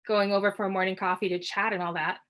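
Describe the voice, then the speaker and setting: A woman's voice: medium pitch, flat delivery, fast talker, a bit bright, natural voice. A woman reading the part of a harsh, controlling father, curt and bitter.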